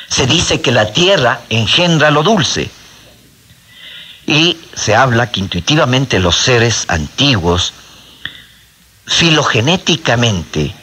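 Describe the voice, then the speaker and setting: A man's voice: on the low side, sharp tone, breathy edge. A man explains medical ideas to a host, often repeating small words as he searches for the next one. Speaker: acupuncture and medicine guest expert.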